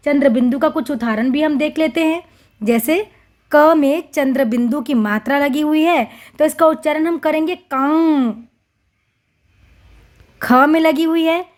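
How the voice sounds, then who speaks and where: A woman teaching small children to read, slowly sounding out each syllable and repeating every word. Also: high voice. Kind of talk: slow, drawn-out reading lesson for small children.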